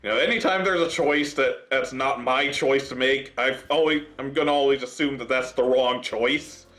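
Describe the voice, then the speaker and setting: A man's voice: medium pitch, moderate pace. A man gaming YouTuber reading a visual novel aloud, cracking jokes between lines. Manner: animated, joking.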